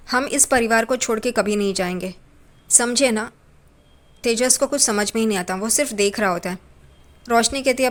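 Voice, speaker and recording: A woman with a fairly high voice tells a serial's story scene by scene. She slips the characters' lines into her narration without changing voice. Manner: retells scenes, voicing each character's lines in her own voice. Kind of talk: storytelling recap with quoted dialogue.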